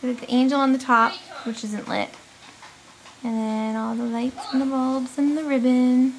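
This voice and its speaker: A woman's voice: sits high, steady tone, unhurried, a little hiss or hum. A woman from Canada filming her kids at home for a family vlog, speaking to them in an encouraging, praising way. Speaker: vlogger, mother.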